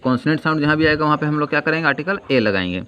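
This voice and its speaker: A male grammar teacher giving a lesson, asking questions and answering them himself and repeating key terms slowly. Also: a little high, expressive, pushed and bright. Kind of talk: classroom-style grammar lesson. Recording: dull lo-fi sound with faint noise.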